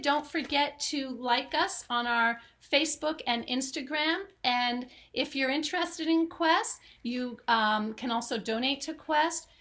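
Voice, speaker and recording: This woman's voice sits high and is a bit bright. As host of a story time, she reads a picture book aloud to young children in an expressive, dramatic, singsong way.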